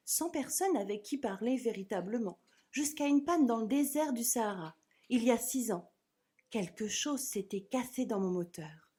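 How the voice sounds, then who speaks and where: A woman with a fairly high, husky voice narrates a storybook. Her reading is theatrical and dramatic, leaning hard on phrases like a stage performer. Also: mellow.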